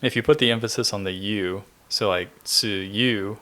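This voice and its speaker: A young man co-hosting a podcast, talking in a relaxed, rambling way with many fillers. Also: lowish voice, fairly quick. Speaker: podcast co-host. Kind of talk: casual chat.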